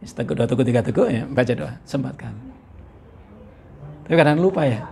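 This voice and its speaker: Gravelly-voiced preacher. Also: male voice, medium pitch, fairly quick, a little hiss or hum. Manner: animated, breaks into laughs, quotes Arabic. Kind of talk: sermon.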